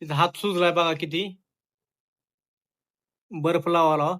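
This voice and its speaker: A father vlogging at home, talking softly and soothingly to comfort his crying young daughter. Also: fairly high pitch, flat delivery, unhurried. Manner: soothing, coaxing a crying child. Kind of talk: casual family vlog.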